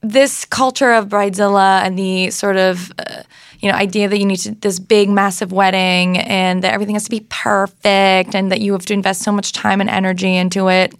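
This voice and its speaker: A woman in her thirties hosting a talk show, speaking in a lively, chatty way and interviewing a guest. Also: mid-range voice, a little fast, clean tone, dry recording, studio quality. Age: 30s. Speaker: podcast host. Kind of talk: conversational interview.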